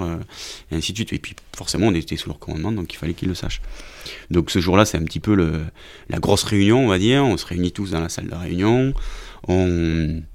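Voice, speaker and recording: A French army officer telling a story from a deployment in a casual interview, talking hesitantly with many restarts. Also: male voice, low-pitched, creaky. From France.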